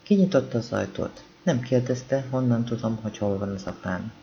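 A man with a gravelly voice reading a novel aloud as an audiobook narrator, calm and even, voicing the dialogue quietly. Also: mid-range voice, dull audio, slight background noise. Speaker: audiobook reader.

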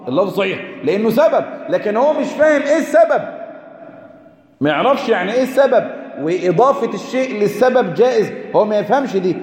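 A man's voice: high voice, a little mellow. A man with an Egyptian Arabic accent teaching a religious lesson, asking his listeners rhetorical questions and repeating his key points for emphasis. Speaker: preacher. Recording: echoey hall.

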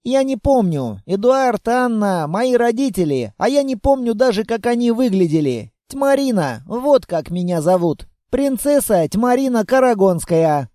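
A man voicing a stubborn, excitable young girl in an audiobook, with quick, indignant outbursts. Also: high voice, dry recording, studio quality, pitched above the performer's own voice. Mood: tearful. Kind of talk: audiobook character voice.

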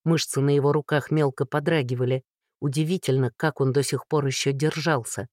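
An audiobook narrator reading a tense scene in a dramatic, expressive way. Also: medium pitch, a little fast, no room sound, clean studio sound. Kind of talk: scripted narration.

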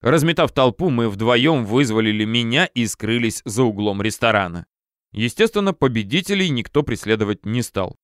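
A man narrating a first-person audiobook, lively and slangy, on a close studio mic. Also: mid-range voice, normal speed, clean tone, dry recording.

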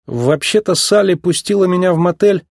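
A man voicing a cocky young race car in a storybook reading, with a quick, eager, husky voice. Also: high voice, no room sound, studio quality, voice pushed up. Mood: flustered.

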